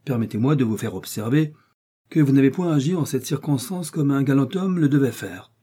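A man's voice: medium pitch, lively intonation, a little fast, dark tone, slightly rough, voice pushed up. A man reading an audiobook, voicing a young male musketeer who speaks coldly and with precise irony. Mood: coolly mocking. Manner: cool, mocking, precise.

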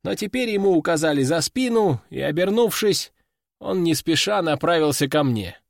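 A man narrating a first-person audiobook in a lively storytelling manner, close to the mic. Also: fairly high pitch, moderate pace, gravelly, no room sound.

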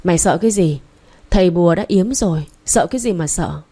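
A woman reading aloud voices a gruff older mother-in-law who scolds curtly. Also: lowish voice, brisk, warm tone. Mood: scolding. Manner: scolding, curt.

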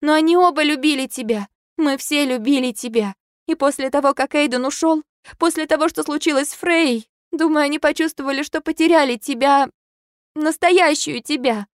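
A woman doing a tearful young woman, high and pleading, stammering a little, storybook voice, dry close sound, lines pitched well above the narration. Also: moderate pace, no room sound, close to an everyday voice.

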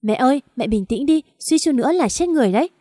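A woman's voice: quick pace, dark tone, dry recording, studio quality, natural voice. A woman reading an audiobook and voicing a frightened young daughter who pleads with her parents. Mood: panicked. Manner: high, pleading, panicky.

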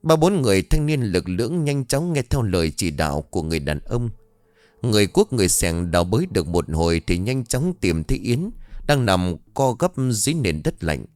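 Low-voiced man narrating a ghost story. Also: big pitch swings, a little fast, a little mellow, dry recording. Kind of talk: scripted horror story narration. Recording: dry studio voice-over with faint music.

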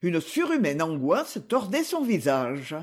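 A man reading an audiobook, voicing a gruff, dryly mocking male police commissioner. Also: high voice, huge pitch swings, a little slow, full character voice. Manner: dry, mocking. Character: gruff, ironic middle-aged police commissioner.

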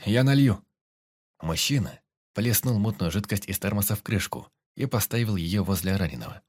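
A man narrating an audiobook in a steady, even storytelling manner. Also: on the low side, fairly quick, no room sound, clean studio sound.

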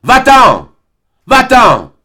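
A man reading an audiobook, voicing a passionate young woman with a high, urgent, straining voice. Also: huge pitch swings, very slow, sharp tone, full character voice. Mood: furious shouting. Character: passionate young woman, fierce and pleading lover.

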